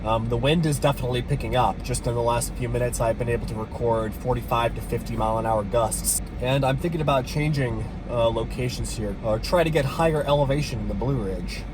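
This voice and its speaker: A man's voice: medium pitch, fairly quick, hardly any pauses. A man talks through his storm-chasing plans in a casual vlog style. His voice competes with heavy wind and vehicle noise. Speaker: storm chaser vlogger.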